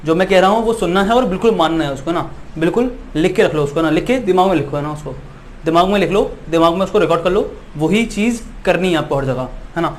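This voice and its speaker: A man's voice: high-pitched, slight background noise. A male biology teacher giving an exam-prep lecture, repeating points and constantly checking that students follow, insistent and reassuring. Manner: repetitive, keeps asking "है ना" to check students follow; reassuring and insistent, promises results.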